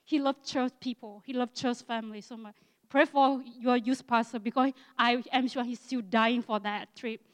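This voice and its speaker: A guest missionary from Thailand in her sixties, with an Akha Thai accent, gives a church talk in English, her second language. She speaks haltingly, searching for words with frequent fillers, in a slightly high, smooth, clear voice with a steady tone. A long reverb trails after her through the hall.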